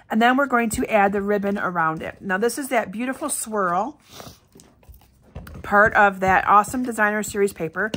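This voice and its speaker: A middle-aged woman walks viewers through making a card, talking in a chatty, upbeat way. Her voice sits a little high and sounds scratchy, with a lingering cough. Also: fairly bright tone. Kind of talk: casual crafting tutorial.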